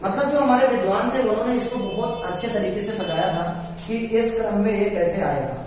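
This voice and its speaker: A man's voice: high voice, a little fast, a little mellow, a little hiss or hum. A man teaching an exam-prep grammar lesson, asking questions and answering them himself. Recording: echoey room, voice from far off.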